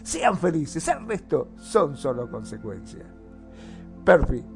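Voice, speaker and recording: A man with an Argentine accent co-hosts live radio. His voice is high for a man, with a creaky edge, and faint music plays behind him as he addresses the listeners. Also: big pitch swings, slow, darkish tone. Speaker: radio co-host.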